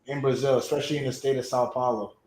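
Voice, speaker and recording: A man with a mid-pitched voice, talking as a guest in a relaxed chat. He hesitates often and restarts his sentences. His voice sounds roomy and echoey. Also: soft background music. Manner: halting, with many fillers and restarts. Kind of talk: casual chat. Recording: echoey room.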